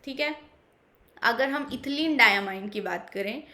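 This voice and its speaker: Bright-voiced woman teaching chemistry. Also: fairly high pitch, animated, measured pace. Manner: patient, repeats key points, asks and answers own questions. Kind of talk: explanatory online lecture.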